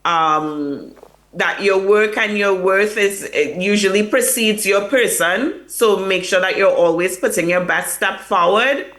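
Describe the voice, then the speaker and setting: A woman with a medium-pitched, slightly bright voice answers interview questions unhurriedly as a publicist. She is earnest and reflective, with fillers and restarts, and speaks over a remote link from a hotel or room in New York.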